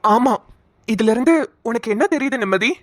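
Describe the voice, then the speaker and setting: A woman's voice: a little high, no room sound, clean studio sound, close to an everyday voice. A woman voicing a young man, a shy childhood friend who hesitantly confesses his love. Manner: hesitant, halting speech.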